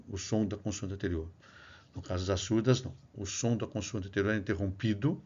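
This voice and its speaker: A lower-pitched man from Brazil giving a patient lecture over slides. He breaks ideas down step by step and sounds out sample syllables to illustrate them. The recording is dull and lo-fi. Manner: explanatory, demonstrates syllables aloud, frequent "né?" tag. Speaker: music researcher and clarinet teacher.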